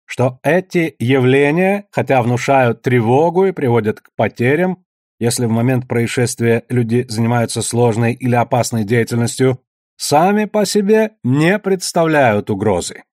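A man voicing a kindly, grandfatherly old official who calmly reassures people on camera. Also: mid-range voice, no room sound, studio quality, lightly acted. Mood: reassuring. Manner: slow, soothing, reassuring.

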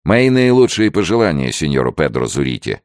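A man's voice: very deep voice, big pitch swings, fairly quick, darkish tone, dry recording, clean studio sound, pitched above the performer's own voice. A man voicing a defiant prisoner who answers in a curt way.

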